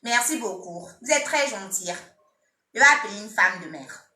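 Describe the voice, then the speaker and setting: A woman's voice: medium pitch, expressive, normal speed, pushed and bright, reverberant. A woman with an Ivorian French accent chatting on a live stream, teasing and playfully scolding her commenters. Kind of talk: casual live-stream chat.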